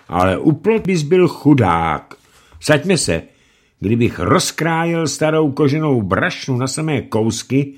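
A man reading an audiobook, voicing a fat, fussy male ship's cook who grumbles indignantly. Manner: fussy, indignant, pitch jumps high.

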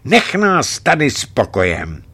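A man's voice: mid-range voice, huge pitch swings, fairly bright tone, husky, voice pushed up, exaggerated voice. A man voicing an earnest young soldier speaking seriously and tenderly to the woman he loves.

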